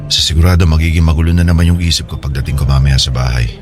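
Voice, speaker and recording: Over music, a man with an extremely low voice talks rapid-fire, acting in a conversational radio drama. With a Filipino accent, he plays a married man who is troubled and hesitant, confiding his worries.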